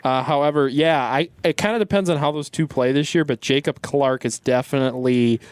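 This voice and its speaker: A man's voice: medium pitch, brisk, a little hiss or hum. A man giving casual football analysis on a radio panel. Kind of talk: casual sports talk.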